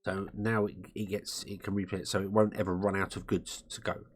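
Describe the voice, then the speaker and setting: A man's voice: deep voice, little pitch movement, a little fast. A man giving live commentary on a game while he plays, rambling and thinking aloud. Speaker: game streamer. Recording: music playing under the voice. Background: guitar music.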